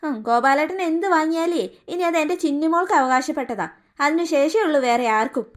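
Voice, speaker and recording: A woman's voice: high voice, brisk, close to an everyday voice. A woman voicing a haughty, scheming aunt in a cartoon story, speaking in a scolding, threatening and scornful way. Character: scheming haughty adult aunt, mean and bullying.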